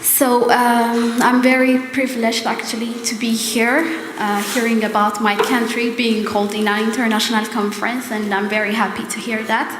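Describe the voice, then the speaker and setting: A young Ethiopian woman with an Ethiopian accent asks a question from the audience, her voice a little high. She hesitates often and fills the gaps with filler sounds. A roomy hall echo and clear background noise surround her. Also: little pitch movement, normal speed, hardly any pauses. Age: young adult. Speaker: architecture student asking a question.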